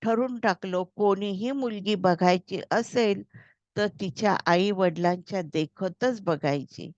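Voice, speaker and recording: A woman voicing an excited young man who works in an office, in a slow, eager storytelling read, on a slightly dull, dry recording. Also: medium pitch, dry recording, close to an everyday voice.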